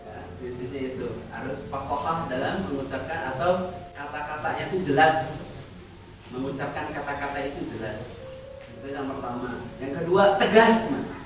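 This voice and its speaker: A man's voice: mid-range voice, normal speed, background noise. A man teaching trainees how to preach, talking emphatically and addressing them directly. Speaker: Islamic preacher teaching sermon delivery. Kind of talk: instructional talk to trainees. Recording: echoey room, distant mic, music behind.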